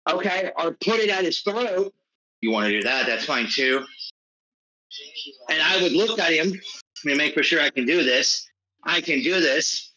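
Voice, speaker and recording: A man's voice: fairly high pitch, expressive, measured pace, long pauses, pushed and bright. A man playing a tabletop game, casually narrating his character's moves on a slightly muffled mic.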